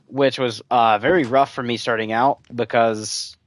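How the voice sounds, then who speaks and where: This man from the United States streams a video game, offering casual, rambling commentary and talking with viewers as he plays. His mid-range voice is unhurried, with fairly even intonation.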